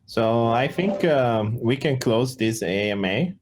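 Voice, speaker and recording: A man's voice: medium pitch, animated, slow, background noise. A man with an Italian accent hosting a casual community Q&A over a voice call, talking easily with frequent "uh" fillers. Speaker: project founder hosting a community Q&A. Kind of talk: casual voice-chat Q&A.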